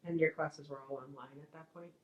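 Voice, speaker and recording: Brisk interviewer, short questions, roomy dull sound. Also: mid-range voice, fairly even intonation. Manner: brief, plain questions. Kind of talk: oral history interview questions.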